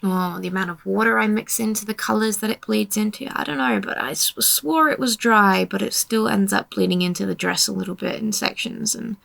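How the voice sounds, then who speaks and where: A woman's voice: medium pitch, brisk, vocal fry, hardly any pauses, a bit bright. A young woman giving a casual voiceover about her painting, tired and yawning, grumbling at herself in a self-deprecating way. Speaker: artist narrating her painting.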